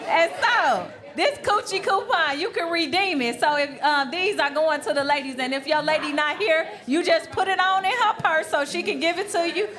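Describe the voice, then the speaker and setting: A woman's voice: very high voice, moderate pace, hardly any pauses, over music. A woman co-hosting a live podcast brunch who laughs often and teases and hypes the audience. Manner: laughing, teasing, hypes the crowd. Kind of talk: lively hosting at a live event. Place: event hall with a live audience. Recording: live room with a loud crowd.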